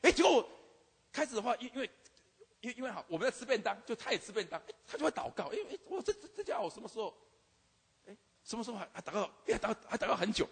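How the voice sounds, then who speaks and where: Rapid, husky older man in a hall. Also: very high voice, big pitch swings, fairly bright tone. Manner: stammering repetitions, frequent "OK" fillers. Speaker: university teacher giving a testimony. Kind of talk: humorous testimony storytelling. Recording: long hall reverb.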